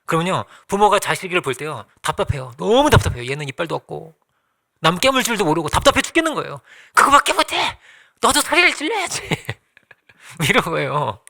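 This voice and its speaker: Lively, bright-voiced male pastor preaching. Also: a little high, fairly quick, gravelly. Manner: storytelling with acted-out quotes and frequent laughs. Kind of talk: sermon. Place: church sanctuary.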